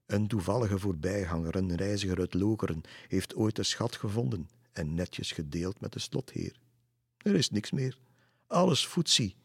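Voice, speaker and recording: A man's voice: fairly low pitch, animated, moderate pace, creaky, husky, no echo, studio quality, exaggerated voice. A man voicing a cheeky boy who teasingly tells ghost stories about a castle in a storybook reading. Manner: teasing, knowing.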